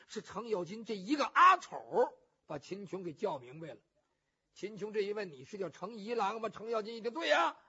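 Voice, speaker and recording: A male storyteller with a very high, bright voice that swings up and down. He talks in a lively, colloquial manner, and the recording sounds muffled and lo-fi. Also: breathy edge. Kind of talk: traditional oral storytelling.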